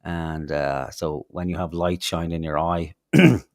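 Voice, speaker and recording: A man's voice: low voice, steady tone, measured pace, no echo, clean studio sound. A man, co-hosting a podcast, telling rambling stories in casual chat with lots of fillers, restarts and swearing. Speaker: podcast co-host.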